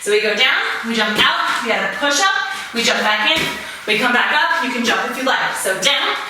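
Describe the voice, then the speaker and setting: A woman's voice: a little high, animated, a little fast, bright, forceful tone. A middle-aged woman leading a workout class, encouraging, with short rhythmic coaching commands like a swim coach. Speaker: fitness instructor leading a home interval workout. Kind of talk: exercise class coaching, cueing moves. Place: small home gym room, indoors. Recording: very roomy echo, distant mic, faint noise.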